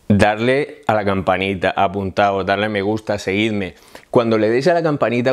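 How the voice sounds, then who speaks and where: Fiery man ranting. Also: lowish voice. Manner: fiery, repetitive, rising to shouts of indignation. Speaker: YouTuber. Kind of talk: impassioned political monologue to camera.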